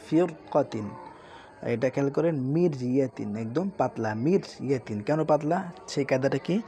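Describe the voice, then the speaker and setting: A man teaching Quran reading, spelling out syllables slowly and repeating each word, asking questions and answering them himself. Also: mid-range voice, mellow. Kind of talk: spelled-out recitation lesson. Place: madrasa room with sounds nearby. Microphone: screen-recording setup.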